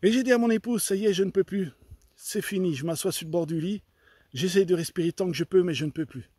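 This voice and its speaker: A man giving an earnest personal faith testimony, halting and often repeating himself as he retells conversations in his own voice. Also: sits high, dark tone, husky, dry recording. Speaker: church member giving a testimony.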